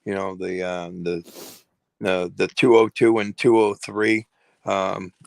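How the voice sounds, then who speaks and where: Low gravelly dude co-hosting, doubtful, keeps restarting sentences. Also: male voice, level tone, slow, no room sound. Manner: plotting, doubtful, trails off in restarts. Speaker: co-host. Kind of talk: casual chat.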